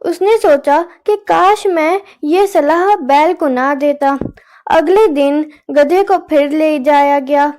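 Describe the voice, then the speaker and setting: A woman with a high-pitched voice reads a children's folk tale aloud. Her narration is clear and steady, scripted and even-paced. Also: takes it slowly. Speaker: storyteller.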